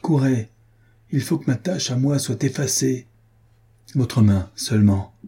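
A man's voice: mid-range voice, unhurried, warm tone, husky, pitched above the performer's own voice. A man voicing a grim, resolute old soldier. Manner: firm, resolute pleading. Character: old male soldier, grim and self-sacrificing. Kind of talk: audiobook character reading.

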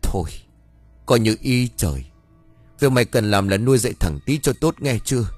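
A man's voice: medium pitch, lively intonation, moderate pace, darkish tone, no room sound, soft background music, close to an everyday voice. A stern, hot-tempered old village sorcerer, as a man puts him on for an audio storybook. He scolds in an exasperated way, and his voice climbs and drops widely. The sound is dry and close. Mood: scolding.

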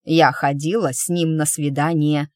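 A woman playing a gruff, hot-tempered noblewoman. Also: low voice, fairly even intonation, a little slow, dry recording, clean studio sound. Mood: grumbling. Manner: gruff, growling, forceful. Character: fierce young noblewoman, blunt and hot-tempered. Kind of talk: audiobook character voice.

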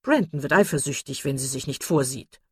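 A woman reading the part of a hearty, blustering country squire, blunt and loud. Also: extremely low pitch, animated, fairly quick, husky, exaggerated voice.

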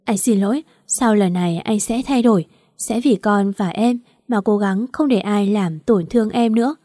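A woman's voice: mid-range voice, normal speed, dark tone, no echo, lightly acted. Woman reading weak careless husband, flippant, dry close read. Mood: remorseful. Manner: slurred, flippant.

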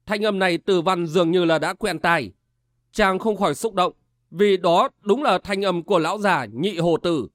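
A man reading a story aloud as audiobook narrator in a steady storytelling manner. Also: high-pitched, moderate pace, no room sound, studio quality. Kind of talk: scripted narration.

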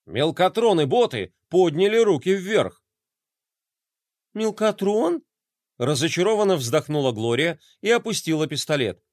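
A man narrating a children's audiobook in an expressive, lively way. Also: a little high, normal speed, no room sound, clean studio sound. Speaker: storyteller.

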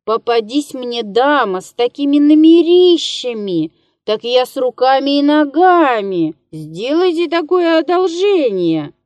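A woman voicing a drunk male musician who mocks and wheedles in a slow, slurred way. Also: high voice, very animated, darkish tone, dry recording, voice pushed up. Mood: wheedling.

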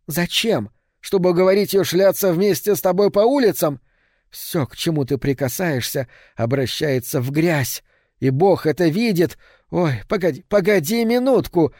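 A man's voice: normal speed, a little mellow, dry recording, clean studio sound, natural voice. A man voicing a furious old woman who screams and curses at a young man in an audiobook reading. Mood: screaming fury. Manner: shrill, screaming and cursing. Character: furious screeching old woman, a worried mother.

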